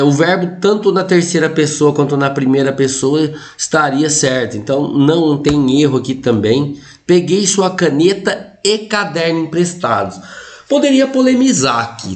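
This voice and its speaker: Lively Brazilian man teaching grammar. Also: on the high side, moderate pace, hardly any pauses. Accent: Brazilian Portuguese. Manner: explanatory, lively, jokes with students, frequent "tá?" and "ó". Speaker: Portuguese teacher. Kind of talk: exam-prep grammar lesson.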